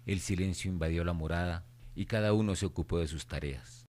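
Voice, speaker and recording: A man's voice: deep voice, a little fast, darkish tone. A man reading scripted narration for a horror radio drama.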